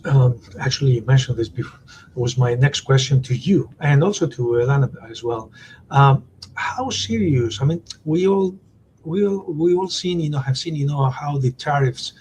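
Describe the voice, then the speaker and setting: A man moderates a conference panel at a middle pitch, asking his questions in a hesitant way with many fillers. A faint rumble sits behind his voice. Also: moderate pace, darkish tone.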